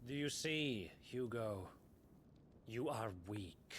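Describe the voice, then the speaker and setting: An actor playing a cold, silky, manipulative schemer in a video game, measured and quietly mocking. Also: male voice, mid-range voice, animated, slight background noise. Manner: measured, taunting, near-whispering at times. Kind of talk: video game cutscene acting. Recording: game music behind the voice.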